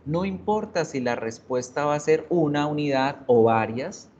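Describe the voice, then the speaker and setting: A woman teaches basic English over a video call, explaining slowly and patiently. Her audio is dull and lo-fi, with faint hiss behind it. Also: low-pitched, lively intonation, darkish tone. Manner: explains patiently, mixing Spanish and English, checks in with "right?" and "¿sí?". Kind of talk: online class lecture. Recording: dull lo-fi online class audio.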